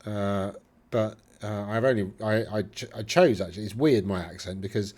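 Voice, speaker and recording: A man from Middle England with a slightly low, somewhat mellow voice talks at a normal speed, hosting a casual solo commentary in which he reviews tournament lists. He rambles, corrects himself, and drifts into chatty asides.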